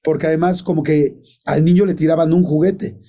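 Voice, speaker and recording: A man's voice: fairly high pitch, fairly even intonation, a little fast, dark tone. A man telling a ghost story in casual chat, rambling with many fillers and self-corrections.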